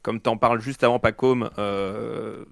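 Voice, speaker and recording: A man's voice: lowish voice, steady tone, a little slow, creaky, no echo, clean studio sound. A man with a slight lisp, his s slushing toward sh, discussing news in a casual, slangy way with sarcastic asides. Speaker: panelist.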